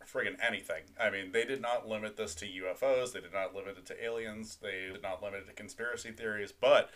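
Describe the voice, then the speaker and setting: A man's voice: on the low side, steady tone, fast talker, fairly bright tone. A man co-hosting a casual podcast, laughing often and talking in loose, rambling stretches. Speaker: podcast co-host.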